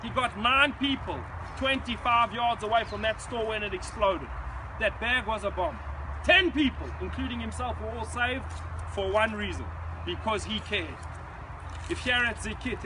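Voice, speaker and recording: Speaking to a visiting group in a noisy outdoor setting, a high-voiced South African man gives a motivational speech. He's earnest and forceful, dramatizing quoted shouts.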